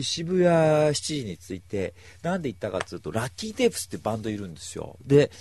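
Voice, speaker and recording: A man telling stories in a casual monologue, animated, acting out other people's lines in voices. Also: lowish voice, slightly rough, no echo.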